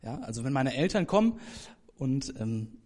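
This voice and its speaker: A man preaching a sermon to a congregation, talking to them directly, now rising to loud emphasis, now dropping soft and slow. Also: medium pitch, very animated. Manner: addresses congregation directly, swells for emphasis then drops soft.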